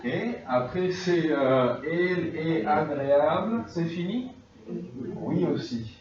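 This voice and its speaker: Unhurried male teacher in an echoey classroom. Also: a little high, animated, darkish tone, distant mic. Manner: drills students, checks with frequent "d'accord?". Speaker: French teacher. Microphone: distant room mic. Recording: dull, echoey, noisy classroom recording from afar.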